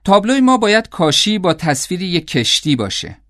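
A man's voice: high-pitched, sing-song, fairly bright tone, no room sound, clean studio sound, voice pushed up. Man doing an eager young boy. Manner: eager, pushy, pleased with himself. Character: excited boy naming the family house.

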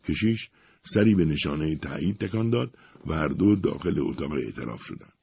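Low husky guy reading an audiobook, steady pace, dry close sound. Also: no echo. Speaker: narrator. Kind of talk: scripted audiobook narration.

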